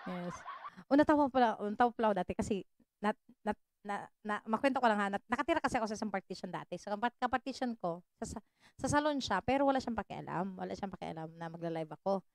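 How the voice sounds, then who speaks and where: A woman's voice: mid-range voice, animated, fast, no echo, studio quality. A woman chatting casually on a livestream, teasing her viewers and laughing often. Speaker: livestream vlogger.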